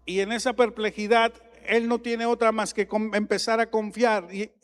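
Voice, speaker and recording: A man preaching a sermon as pastor, emphatic and growing louder on key points. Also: sits high, little pitch movement, normal speed. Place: church sanctuary. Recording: long reverb of a large hall.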